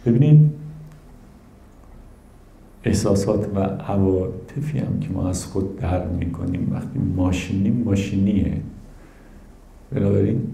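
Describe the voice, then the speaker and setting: A man's voice: sits low, creaky, pauses often, warm tone, roomy sound. A man giving a spiritual talk as teacher and counselor, telling stories animatedly and acting out the people he quotes.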